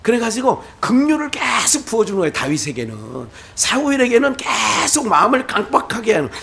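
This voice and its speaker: A middle-aged pastor with a Chungcheong accent preaches with a high, bright voice that swoops up and down. He keeps throwing questions at the congregation and acts out little quotes with a chuckle. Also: very animated, brisk, creaky. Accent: Chungcheong Korean. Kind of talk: sermon.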